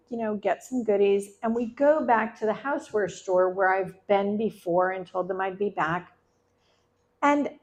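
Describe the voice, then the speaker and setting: A middle-aged woman telling a personal story to a live audience, chatty and conversational with laughing asides. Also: mid-range voice. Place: live event venue.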